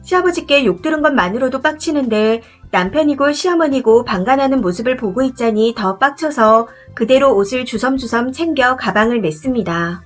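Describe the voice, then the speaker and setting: A woman reading a first-person family story as scripted narration, in a steady, confiding way. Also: high voice.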